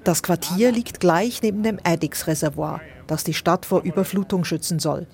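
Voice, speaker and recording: A woman with a lowish voice narrates a scripted radio report. Her delivery is measured and sober, with a quiet dry edge to her commentary. She sounds like a seasoned broadcast reporter. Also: gravelly.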